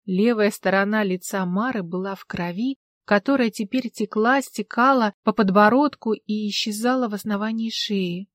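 A woman reading a novel aloud in a steady, even storytelling manner. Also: medium pitch, normal speed, hardly any pauses, no room sound, clean studio sound. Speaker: audiobook narrator. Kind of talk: scripted narration.

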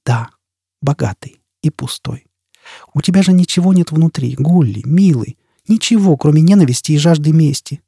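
A man's voice: on the high side, animated, moderate pace, creaky, mellow, husky, dry recording, studio quality, pitched above the performer's own voice, full character voice. A man voicing a fierce, bitter young woman who scorns and taunts, in an audiobook reading. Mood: scornful. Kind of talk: audiobook character voice.

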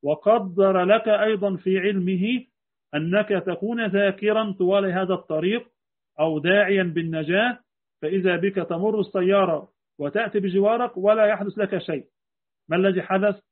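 A man with an Egyptian Arabic accent gives a creed lesson in a high voice at a rapid clip. He explains by posing rhetorical questions and answering them himself. The recording is tinny and phone-like. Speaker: religious teacher.

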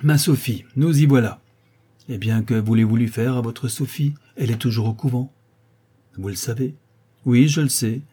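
A man's voice: medium pitch, moderate pace, mellow, breathy edge, natural voice. A man reading aloud, voicing a jovial young count who banters in a playful, mock-courtly way. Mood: teasing. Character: jovial young gallant male count, teasing.

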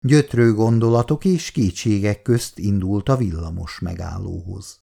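Gravelly low-voiced male storyteller. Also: dark tone. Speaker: narrator. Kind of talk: storybook reading.

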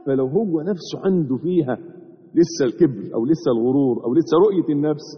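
A man preaches with an Egyptian accent, talking fast in a high, lively voice and pressing his listeners with rhetorical questions. The sound is a dull, lo-fi recording with long echo from a hall. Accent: Egyptian Arabic. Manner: animated, keeps asking the audience rhetorical questions. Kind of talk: sermon to a live audience. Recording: echoey hall, dull lo-fi audio.

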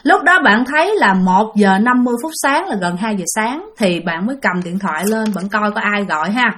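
A woman hosting a channel and telling a ghost story aloud, speaking chattily to her listeners with dramatic pauses. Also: medium pitch, expressive, a bit bright. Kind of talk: spoken ghost story narration.

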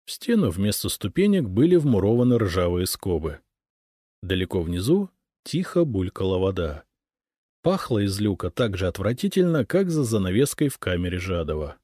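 Brief: male audiobook narrator, low voice, lively intonation, dry close sound. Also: normal speed, no room sound. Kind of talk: first-person audiobook narration.

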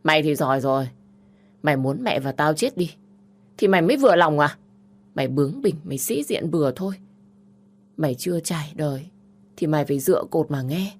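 A woman voicing a bossy older sister who scolds loudly and harshly. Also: low voice, animated, a little fast, long pauses. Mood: furious.

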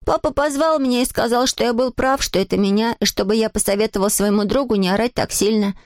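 A woman reading a children's story aloud as an audiobook narrator, lively and expressive. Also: a little high, fast, no echo, studio quality.

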